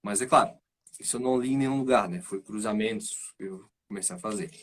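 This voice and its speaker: A man's voice: on the low side, fast. A man hosting a live stream, a speech therapist explaining his ideas and checking in with "right?" as he goes. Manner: thinks aloud, frequent "né?" and "certo?" tags.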